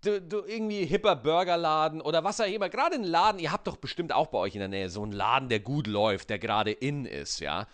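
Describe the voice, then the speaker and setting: A man ranting casually to his listeners, swearing and tagging his sentences with quick asides. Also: on the high side. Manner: crude, swearing, animated ranting with many "ne?" and "ja?" tags. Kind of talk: casual comedic rant.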